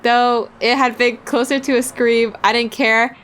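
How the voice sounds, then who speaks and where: Animated woman streamer reading aloud. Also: fairly high pitch, unhurried. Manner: animated, giggly, swears freely, voices lines dramatically. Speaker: streamer playing a visual novel.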